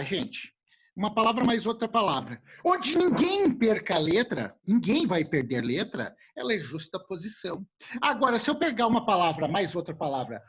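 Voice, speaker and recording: A male teacher, joking and animated as he explains things to his class. His pitch leaps around a lot, and his voice is a little husky. The recording sounds muffled and lo-fi. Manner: animated, jokey, talks to students as a group. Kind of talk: casual classroom lesson.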